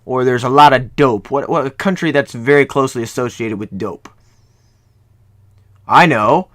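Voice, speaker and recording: A man's voice: medium pitch, normal speed, a bit bright. Rambling young man playing a strategy game. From Ohio, USA. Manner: rambling, self-correcting, jokey. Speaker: gaming YouTuber. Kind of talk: casual strategy game commentary. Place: home room.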